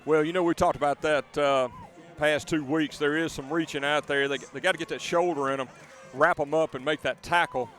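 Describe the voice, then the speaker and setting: A man's voice: a little high, fairly even intonation, fairly quick, a bit bright. Folksy football color man. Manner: conversational, repeats words as he restarts. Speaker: color commentator. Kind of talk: live football color commentary. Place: outdoors at a high school football stadium.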